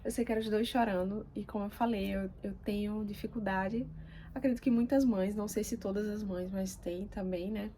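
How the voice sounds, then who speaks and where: A mother vlogger talks casually to the camera from a quiet room at home. Her mellow, medium-pitched voice is soft-spoken and hesitant, with fairly even intonation, many pauses and fillers, and a little hiss or hum.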